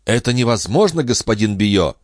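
A man reading a young, naive peasant lad in an audiobook, earnest and excitable, always polite and always hungry. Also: fairly low pitch, moderate pace, no room sound, studio quality, pitched above the performer's own voice, natural voice. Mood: flustered protest.

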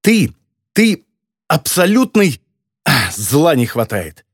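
A man reading an audiobook, voicing an angry young woman in a high, exasperated voice. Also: huge pitch swings, slow pace, no echo, clean studio sound, exaggerated voice. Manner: shrill, exasperated yelling.

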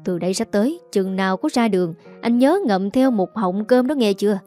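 A woman's voice: medium pitch, brisk, dark tone, faint music behind, natural voice. A woman voicing a defiant younger sister who answers back in a steely voice, in a Southern Vietnamese accent.

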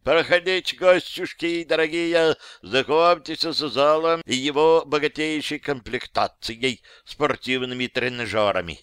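Man doing a burly bass strongman greeting guests, folksy and effusive, crisp, dry audiobook sound. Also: a little slow, few pauses, a bit bright, dry recording. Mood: hearty. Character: hulking male gym teacher, hearty and welcoming.

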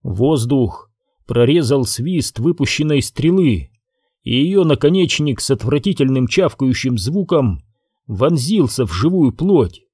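A man narrates an audiobook at an unhurried pace, his voice dark and mellow. His delivery is measured but lively in pitch, recorded close and dry. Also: slightly rough, no echo.

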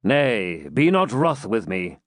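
A man voicing an armored knight who answers threats with calm, mocking courtesy. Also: on the low side, slow pace, no echo, studio quality. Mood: teasing. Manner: composed, mildly mocking.

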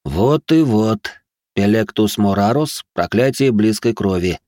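Man doing a measured, learned noble sorcerer. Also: on the low side, expressive, a little mellow, no room sound, studio quality. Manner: measured, slow, lecturing.

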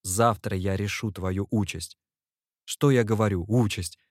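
A man's voice: fairly low pitch, steady tone, a little slow, no echo, studio quality. A man voicing an anxious, devoted young male clerk who pleads and cries out to his friend. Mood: pleading. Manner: pleading, agitated, shouting.

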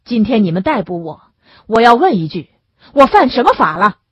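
A woman's voice: on the high side, very animated, moderate pace, slightly rough, no echo. A woman doing a proud, indignant arrested man. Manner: loud, challenging declamation. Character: defiant middle-aged male prisoner, proud and indignant. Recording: dull lo-fi dry recording.

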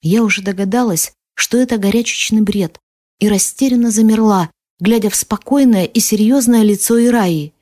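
Expressive female audiobook narrator, dry sound. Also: medium pitch, moderate pace, no room sound. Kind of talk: first-person audiobook narration.

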